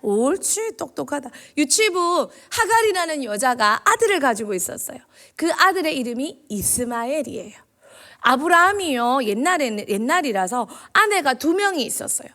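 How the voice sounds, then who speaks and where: A woman, a children's minister giving an animated sermon in church and quizzing the children with questions. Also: high voice, moderate pace.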